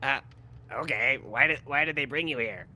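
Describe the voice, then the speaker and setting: A man's voice: mid-range voice, normal speed, pushed and bright, pitched above the performer's own voice. A man voicing a jittery, nervous man who repeats himself.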